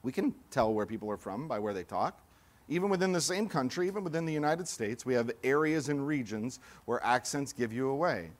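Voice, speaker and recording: A man from California preaching a sermon, moving between loud, emphatic lines and quiet, low asides, and acting out accusers' voices. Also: expressive, fairly quick. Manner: acts out accusers' lines with raised voice. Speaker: pastor.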